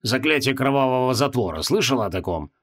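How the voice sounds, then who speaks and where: A man reading an audiobook, voicing a weary, sardonic male demon prisoner in a low, subdued drawl. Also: animated, fast talker, fairly bright tone.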